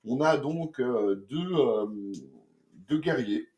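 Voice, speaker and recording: A French man talks through a few comic books in a loose, slangy way, stumbling over restarts and fillers. His voice sits at a middle pitch but swings widely up and down as he gets carried away. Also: slow pace. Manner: lively, slangy and full of restarts. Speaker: comics reviewer. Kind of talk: casual spoken review.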